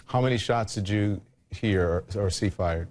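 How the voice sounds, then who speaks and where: Male news interviewer, lowish register, halting questions that get reworded midway. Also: darkish tone, slight background noise.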